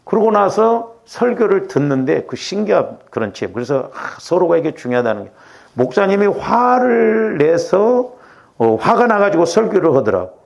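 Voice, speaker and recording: A man's voice: a little high, big pitch swings, a little fast, gravelly, dull audio. A middle-aged male pastor giving a conversational sermon, often checking in with the congregation. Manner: conversational preaching with rhetorical checks.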